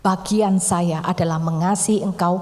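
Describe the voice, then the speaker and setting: A woman preaching a sermon in a conversational storytelling way, often dropping to a soft near-whisper for emphasis. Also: fairly low pitch, fairly even intonation, normal speed.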